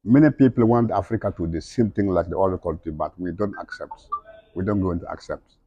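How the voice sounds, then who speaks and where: A man's voice: sits low, brisk, mellow, slightly rough, dry recording. A middle-aged man speaking emphatically in broken, non-native English, repeating his points as an interviewee. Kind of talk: impassioned conversational speech.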